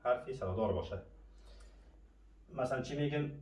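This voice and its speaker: A man's voice: mid-range voice, a little mellow. A man teaching a language lesson, patiently asking questions and answering them himself. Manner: patient, asks and answers his own questions. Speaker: French teacher. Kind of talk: classroom lesson explanation. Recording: echoey room, mic at a distance.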